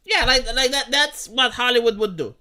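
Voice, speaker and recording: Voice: medium pitch, lively intonation, moderate pace, bright, forceful tone. A streamer in their thirties from Romania, rambling to chat in a profane, stop-start way. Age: 30s. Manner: rambling, profane, full of restarts. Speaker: livestreamer. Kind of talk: casual livestream commentary.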